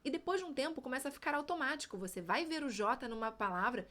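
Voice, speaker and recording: A woman's voice: sits high, lively intonation, fairly bright tone. Encouraging woman teaching Spanish pronunciation. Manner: encouraging, models phrases slowly for repetition. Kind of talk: pronunciation lesson.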